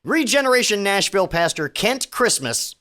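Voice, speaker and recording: A man's voice: high voice, very animated, moderate pace, pushed and bright. A man hosting a podcast, giving sardonic, profane commentary on news items with frequent stumbles and restarts. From Virginia. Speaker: podcast host. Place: home studio.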